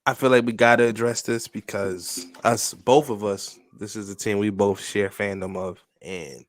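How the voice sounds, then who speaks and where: New york guy on a sports podcast, lowish voice, dry close sound, keeps going "you know what i'm saying". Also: steady tone, normal speed, dry recording. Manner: emphatic, slangy, repeats filler phrases. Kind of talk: casual sports talk.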